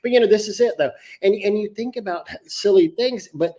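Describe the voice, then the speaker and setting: A man's voice: high-pitched, fairly quick, dark tone. A man hosting a casual podcast chat, explaining points with rhetorical questions. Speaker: host.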